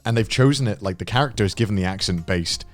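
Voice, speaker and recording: A man with a slightly low voice chats casually like a podcast co-host. He is emphatic and blunt, and swears freely as he makes his points. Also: fast talker, soft background music. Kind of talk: casual chat.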